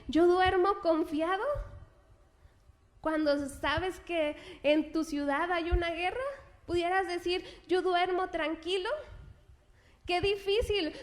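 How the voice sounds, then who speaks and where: A woman delivers a sermon in a very high voice. She speaks earnestly, putting questions straight to the listener, and slows down to read scripture deliberately. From Mexico. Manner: reads scripture slowly and deliberately. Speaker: preacher.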